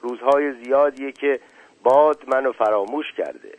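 A man voicing a shy, lonely young female daisy flower in a storybook reading, speaking softly. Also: mid-range voice, no echo, phone-quality sound, lightly acted. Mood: shy, wistful. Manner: soft, timid then gently talkative.

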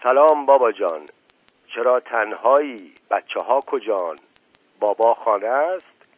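A man's voice: mid-range voice, expressive, slightly rough, dry recording. A man voicing a stern, hot-tempered older uncle who scolds and rages, in an audiobook reading. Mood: cheerful. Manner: scolding, indignant. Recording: narrow phone-like radio recording.

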